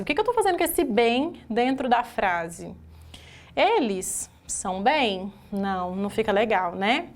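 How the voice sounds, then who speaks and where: A teacher with a Brazilian Portuguese accent and a somewhat high voice runs an exam-prep grammar lesson at a whiteboard. She dissects each sentence word by word and keeps throwing rhetorical questions at the class.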